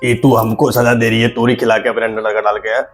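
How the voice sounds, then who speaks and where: A woman's voice: very deep voice, level tone, fast, soft background music, voice pushed down. A woman voicing a nosy, scolding old father-in-law who stammers indignantly.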